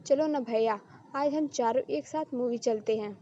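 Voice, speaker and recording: Sweet caring young bride, read by a woman, gentle, highish voice, dull recording. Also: moderate pace, slight background noise, close to an everyday voice.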